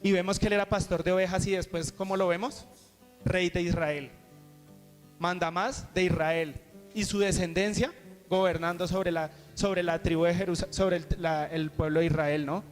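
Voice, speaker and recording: A high-pitched man preaches to his congregation, retelling a scripture story with earnest restarts. His voice rings through a long, reverberant hall. Soft guitar plays faintly underneath. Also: steady tone, moderate pace. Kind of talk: sermon.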